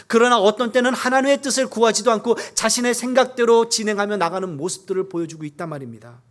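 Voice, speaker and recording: A male pastor delivers a sermon in a notably high voice. He preaches earnestly, pushing harder on key points before sinking back down. He reads scripture in a steady, measured cadence. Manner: earnest preaching, rising in force at key points then dropping low.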